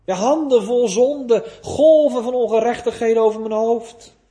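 A man preaching a sermon, emphatic, with big swings in loudness and pitch and rhetorical questions. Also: normal speed.

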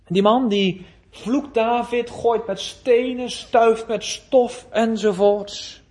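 A preacher with a notably high voice works through his sermon at a slow, deliberate pace. He presses hard on key phrases, then lets his voice sink low and soft. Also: steady tone. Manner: earnest preaching, rising to loud emphasis then dropping low.

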